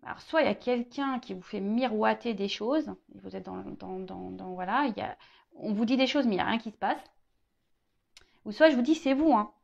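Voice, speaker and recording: A woman's voice: a little high, fairly quick, vocal fry, highs cut off. A woman giving a tarot reading, talking straight to the viewer, hesitant, with many repeated words and fillers, now and then joking. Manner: chatty, addresses viewer directly, jokes. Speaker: tarot reader.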